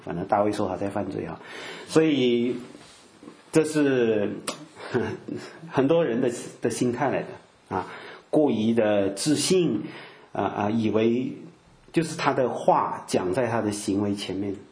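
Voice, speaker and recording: A man's voice: on the low side, expressive, unhurried, darkish tone, echoey room. An older man giving a conversational sermon, full of filler particles and acted-out quotes. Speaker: preacher.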